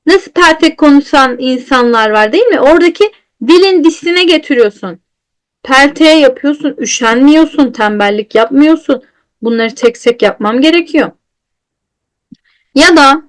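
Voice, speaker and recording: A woman teaching Quran recitation in an online lesson, explaining patiently, asking and answering her own questions, and slowing down to demonstrate letter sounds. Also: sits high.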